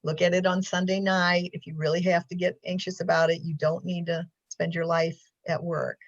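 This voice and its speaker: A woman's voice: fairly low pitch, little pitch movement, normal speed. A woman counselor giving a casual talk on a video call, chatty and laughing often, with many ums. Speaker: mental health counselor. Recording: dull lo-fi call audio.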